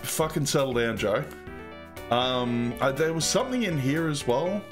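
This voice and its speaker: A man's voice: mid-range voice, animated, measured pace, music in the background. A man casually commenting on an old computer game he plays, swearing and rambling. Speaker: let's play host.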